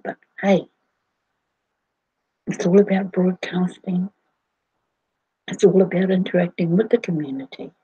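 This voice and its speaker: A woman, talking slowly to her viewers in a rambling way, with many fillers and restarts. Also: lowish voice, warm tone, dull audio. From New Zealand. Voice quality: husky. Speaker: vlogger. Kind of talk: casual monologue to camera.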